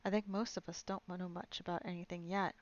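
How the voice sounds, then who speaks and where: A woman voicing a gentle talking horse who speaks slowly and thoughtfully, as if half remembering. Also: on the low side, little pitch movement, muffled recording, close to an everyday voice. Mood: musing. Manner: slow and thoughtful. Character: slow, muddled, gentle talking cab horse.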